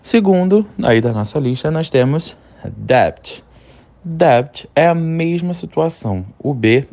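Brazilian-Portuguese-speaking English teacher, lo-fi. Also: male voice, fairly high pitch, gravelly, warm tone. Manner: repeats model words slowly, adds "tá?" and "ok?" checks. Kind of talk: online vocabulary lesson.

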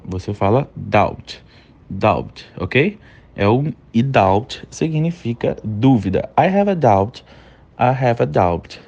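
A man teaching an English vocabulary lesson, modeling words slowly and checking in with short tags after each point. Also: medium pitch, creaky, mellow. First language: Portuguese.

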